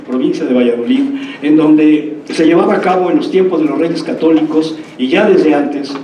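A man's voice: fairly high pitch, normal speed, dark tone, slight background noise. A Mexican man in his fifties giving a lecture, digressing into anecdotes and often checking in with his listeners. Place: lecture hall. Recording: roomy hall, mic far off.

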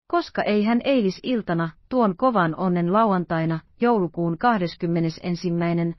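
Woman reading an old novel audiobook, steady measured, dull dry recording. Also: mid-range voice, no echo. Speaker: audiobook narrator. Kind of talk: scripted audiobook narration.

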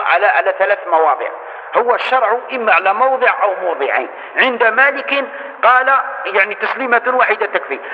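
High, quick Algerian religious teacher. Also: male voice. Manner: explains with demonstrations, keeps asking "understood?". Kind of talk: religious lesson to a gathering. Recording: tinny lo-fi recording with long hall reverb.

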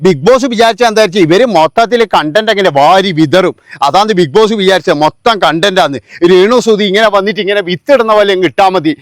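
Scornful high-voiced man mocking. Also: quick pace, hardly any pauses, no echo, clean studio sound. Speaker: vlogger. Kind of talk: sarcastic commentary vlog.

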